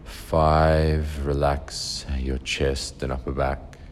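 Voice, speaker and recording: A man leading a guided relaxation meditation, giving calm, soothing instructions with long pauses. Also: extremely low pitch, slight background noise.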